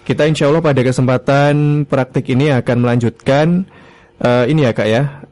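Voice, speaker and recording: A man hosting a live religious lesson on the radio, speaking politely and in a measured way straight to listeners. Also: medium pitch, steady tone, a little mellow. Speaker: radio host.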